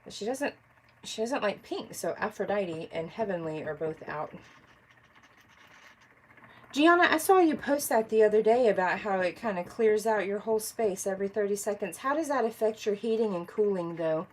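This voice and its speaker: A woman's voice: mid-range voice, animated, moderate pace, low-quality recording. A woman chatting casually during a live craft stream, congested from allergies, thinking aloud and answering viewers by name. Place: home craft workspace.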